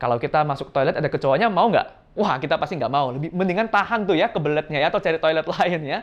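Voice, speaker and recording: A young man giving a Sunday school sermon, lively and playful, telling stories and acting out voices, on a slightly dull recording. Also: fairly high pitch, fast talker. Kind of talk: children's sermon.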